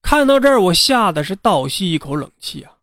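A man narrating a ghost story in an unhurried, conversational way. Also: sits high, very animated, a bit bright, dry recording, clean studio sound. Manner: unhurried, conversational telling with drawn-out particles.

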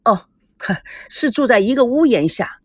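A modest young man who speaks politely and earnestly to his boss, as a woman reader plays him. The reading stays close to her own voice, lively in pitch. The sound is dry and near. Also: measured pace, no echo. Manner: courteous and earnest.

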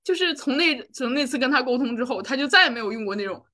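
A young woman talking fast in a bright, clear, fairly high voice. She co-hosts a casual podcast and wanders through her thoughts with lots of fillers and restarts. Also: animated. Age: 20s. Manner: rambling, full of fillers and restarts. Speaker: podcast co-host. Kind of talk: casual personal chat.

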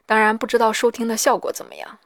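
A woman with a hoarse, gravelly voice, talking reflectively and haltingly in a personal audio diary. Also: on the high side, a bit bright, no room sound, studio quality. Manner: halting, reflective, pausing mid-sentence. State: hoarse after an hour of reading aloud. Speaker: solo audio diarist.

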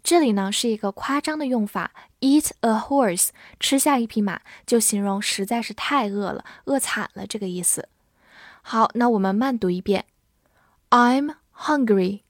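Woman teacher, slightly high voice, unhurried delivery, dry close sound. Spells words aloud and models slow repeat-after-me sentences. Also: no room sound. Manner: spells words letter by letter, reads example sentences slowly for repetition. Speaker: English teacher. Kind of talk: vocabulary lesson.

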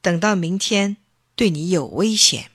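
A woman voicing a serious, cautious male doctor in a children's story, speaking in measured warnings. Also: on the low side, slightly rough. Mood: grave. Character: grave adult male doctor, worried and cautious.

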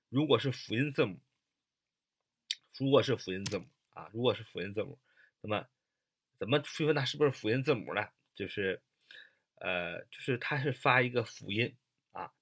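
Male English teacher, bright husky tone, lively delivery, spells out words and hesitates often. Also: medium pitch. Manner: spells words letter by letter, many fillers. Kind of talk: explaining grammar lesson.

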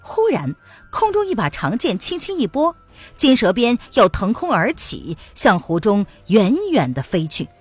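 A woman narrating a martial-arts novel in an expressive storytelling manner. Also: mid-range voice, a little slow, husky, soft background music.

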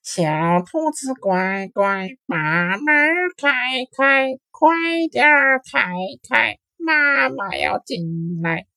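A man voicing a sly big grey wolf who pinches his nose to fake a mother's high voice in a storybook reading. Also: animated, measured pace, pushed and bright, no room sound, heavily acted. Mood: sly singing. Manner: high sing-song falsetto, yelping in pain. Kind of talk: children's story read aloud.

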